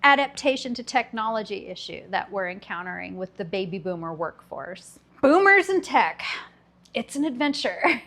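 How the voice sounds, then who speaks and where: Her medium-pitched voice has a slightly bright quality as she hosts a commentary video at fifty-something. She reads a scripted monologue with sarcastic, wry humor, chuckling between the jokes.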